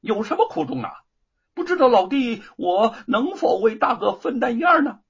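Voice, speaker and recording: A husky-voiced man voicing a carefree young scholar who teases his friend in a storytelling performance. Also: extremely high pitch, sing-song, moderate pace, pitched above the performer's own voice, full character voice. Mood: teasing. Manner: bantering, breezy, teasing. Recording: dull lo-fi recording.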